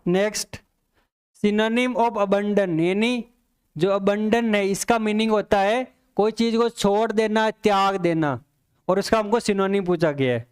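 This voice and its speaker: In a high, clean-toned voice, a man leads an exam-prep English lesson, explaining answers one step at a time. He repeats the important points to his students and reads English example sentences slowly and deliberately.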